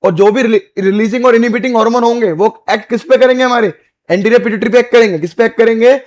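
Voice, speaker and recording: A male biology teacher giving an exam-prep lecture, repeating key terms slowly and quizzing students with call-and-response questions. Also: extremely high pitch, a little mellow. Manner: repetitive call-and-response questioning, calls students beta and bhai.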